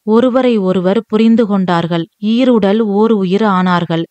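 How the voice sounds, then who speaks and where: A woman narrating an audiobook romance in a steady storytelling manner. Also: mid-range voice, no room sound.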